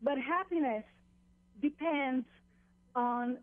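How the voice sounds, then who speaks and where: A woman on a phone line explaining meditation as a teacher, deliberately, with pauses and repeated phrases. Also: high-pitched, dry recording. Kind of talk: explanatory radio interview, spiritual instruction. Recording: dull, narrow telephone line.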